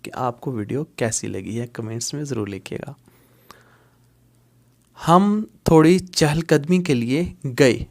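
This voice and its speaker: A man's voice: mid-range voice, darkish tone. Patient male Arabic tutor, repeating words. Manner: explains patiently, repeating each word several times; switches between Hindi-Urdu explanation and English glosses. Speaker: Arabic language teacher. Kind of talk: online language lesson.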